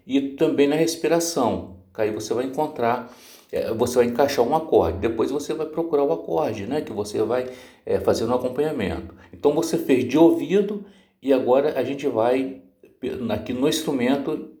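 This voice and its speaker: A man's voice: medium pitch, normal speed, warm tone. A man teaching guitar by ear in a casual lesson, patient, with frequent filler words and off-key singing of chord names. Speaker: music teacher. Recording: roomy sound with guitar playing.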